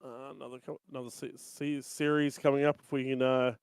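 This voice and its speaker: A man's voice: medium pitch, little pitch movement, fast talker, clean tone, no echo. A man with a New Zealand accent chatting casually as a guest race commentator. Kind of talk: casual chat.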